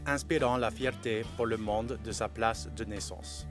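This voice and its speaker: A man's voice: on the low side, steady tone, a little slow, faint music behind. A man, hosting and narrating a documentary interview. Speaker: host and interviewer.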